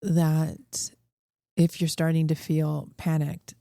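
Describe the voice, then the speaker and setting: A woman co-hosting a yoga podcast who works as a coach, telling stories in a lively way and mimicking her clients. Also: low-pitched, takes it slowly, vocal fry, no room sound, clean studio sound. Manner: lively storytelling, mimics clients with sound effects. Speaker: fitness coach and podcast co-host. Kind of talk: casual podcast chat.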